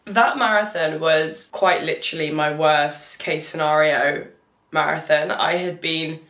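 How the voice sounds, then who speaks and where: A woman's voice: sits low, fairly even intonation, unhurried, a bit bright. A young British woman chatting casually to camera, candid and rambling, dropping "like" into her sentences as she recounts her experience. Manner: rambling, candid, frequent filler "like". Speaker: vlogger. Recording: roomy echo.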